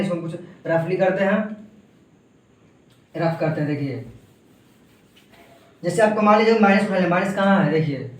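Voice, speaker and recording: A man with a fairly high voice delivers a chemistry lesson, walking through examples one step at a time. He keeps firing rhetorical questions at his students and answering them himself. The mic sits away from him in a roomy, echoing space. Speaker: chemistry teacher. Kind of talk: classroom lecture. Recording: echoey room, voice from a distance.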